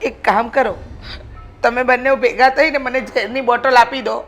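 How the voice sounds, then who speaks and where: Older actress as scheming mother-in-law faking tears; accusing, self-pitying, slightly high voice, film drama. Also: fairly even intonation, normal speed, faint music behind, lightly acted. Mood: complaining tearfully. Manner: wailing self-pity, accusing. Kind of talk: village family drama.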